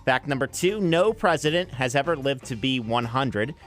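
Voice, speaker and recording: An American man, the afternoon drive host of a music radio show, connects tracks and delivers sponsor reads from the studio on a close broadcast microphone. His medium-pitched voice is expressive and slightly bright, at normal speed.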